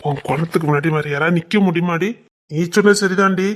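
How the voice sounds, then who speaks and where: A man's voice: on the high side, fast talker, a bit bright, close to an everyday voice. A young man, acting a protective, hot-tempered village lover who teases his girl. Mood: tender teasing. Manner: rough, protective, teasing. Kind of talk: web series drama acting.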